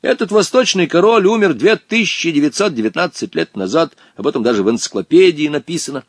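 A man's voice: on the high side, lively intonation, quick pace, slightly rough, no echo, studio quality, pitched above the performer's own voice. A man voicing a cool, ironic schoolboy in an audiobook, correcting others matter-of-factly. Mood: calm. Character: bold cheeky schoolboy, calm and know-it-all.

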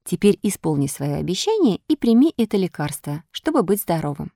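A woman voicing a kind, patient fairy who speaks softly and coaxingly in a storybook reading. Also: fairly low pitch, very animated, a little fast, vocal fry, no room sound, studio quality, exaggerated voice. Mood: gentle. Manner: gentle, soft-spoken, coaxing.

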